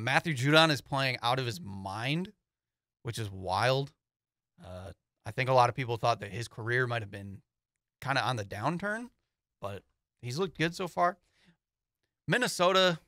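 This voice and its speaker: A young man with a bright, forward voice talks football picks in an easygoing, rambling way. The sound is close and dry, taken on a studio microphone in a small studio. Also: medium pitch, lively intonation, normal speed, long pauses, dry recording. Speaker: sports show co-host. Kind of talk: casual sports talk. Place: small studio with foam panels. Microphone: studio mic on boom, headphones.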